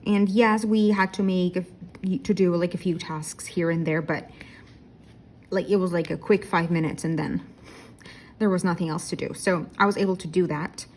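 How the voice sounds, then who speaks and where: A woman's voice: on the low side, fairly even intonation, moderate pace, darkish tone. A woman in her thirties chatting casually in a vlog while crafting, tired and yawning, rambling with fillers and correcting herself. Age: 30s. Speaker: diamond painting vlogger. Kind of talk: casual chat.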